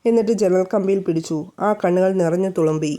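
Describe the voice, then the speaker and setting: A woman's voice: on the low side, fast talker, mellow. A woman narrating a romance story aloud and reading every character's lines herself.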